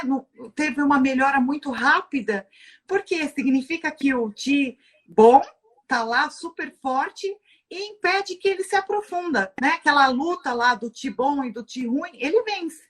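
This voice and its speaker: Lecturing a little slowly on Chinese medicine as a livestream guest, this high-voiced Brazilian woman has lively intonation and a fairly bright tone. Her Brazilian Portuguese accent comes with a teacherly habit of asking herself rhetorical questions and ending sentences with "né?".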